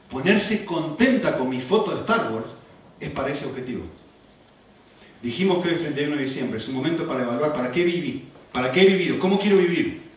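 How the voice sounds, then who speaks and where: Animated Argentine pastor in an echoey hall. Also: male voice, a little high. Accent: Argentine Spanish. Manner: animated storytelling with rhetorical questions. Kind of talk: sermon. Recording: echoey room, far from the mic.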